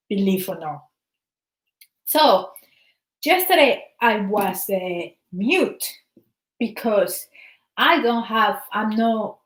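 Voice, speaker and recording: Slow earnest woman. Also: medium pitch, echoey room, rough recording. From Venezuela. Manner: earnest, repeats words, searches for phrasing. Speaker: wellness practitioner. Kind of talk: impassioned personal talk.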